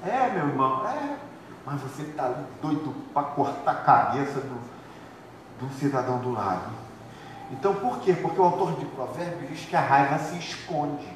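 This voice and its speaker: A man preaching a sermon as pastor, lively and conversational, acting out the voices of his congregation. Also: mid-range voice, moderate pace. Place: church hall. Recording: echoey hall, far from mic, faint noise.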